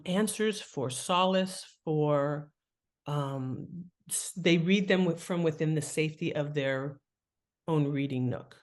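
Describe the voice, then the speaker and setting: Speaking low, this female author talks through writing craft as an interview guest, and her manner is lively and eager.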